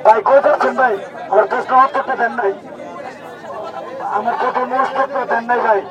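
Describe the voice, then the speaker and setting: A man with a very high voice stands in a loud crowd outdoors. He keeps demanding an answer from an official, again and again. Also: steady tone, fairly quick, highs cut off. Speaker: injured protester. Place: outdoors at a protest. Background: dense crowd.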